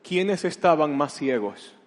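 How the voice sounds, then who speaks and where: A man preaching a sermon as pastor, dropping to a hush and then rising to loud outbursts. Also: fairly high pitch, animated, slow. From Ecuador. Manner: dramatic, swings from hushed to loud. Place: church hall. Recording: long hall reverb.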